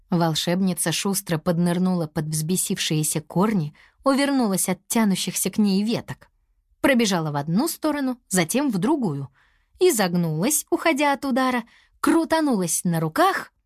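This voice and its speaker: A woman narrating a children's story in a lively, expressive way. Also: medium pitch, moderate pace, no echo, studio quality.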